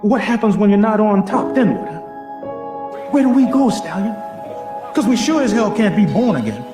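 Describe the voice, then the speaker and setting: A man's voice: sits high, big pitch swings, moderate pace, echoey room, over music. An actor in a film playing a bitter fighter who fears losing his place. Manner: bitter, challenging. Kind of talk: film acting.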